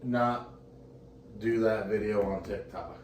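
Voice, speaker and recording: A man's voice: fairly low pitch, takes it slowly. A man hosting a casual podcast, asking crude, teasing questions. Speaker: podcast host. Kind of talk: casual chat. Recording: echoey room, distant mic, faint noise.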